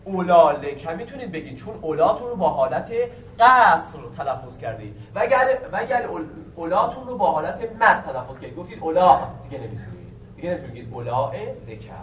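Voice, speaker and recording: A man teaching a grammar lesson, quizzing the students with questions and slowly stretching out key words. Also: on the high side, big pitch swings, fairly bright tone, far from the mic, dull audio, a little hiss or hum. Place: classroom. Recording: echoey room recorded from afar.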